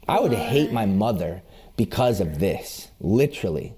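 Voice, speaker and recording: A man's voice: fairly low pitch, big pitch swings, measured pace, crowd noise. A man in his late thirties telling an earnest, confessional personal testimony, his voice at times catching with emotion. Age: 30s. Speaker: interviewee sharing his testimony.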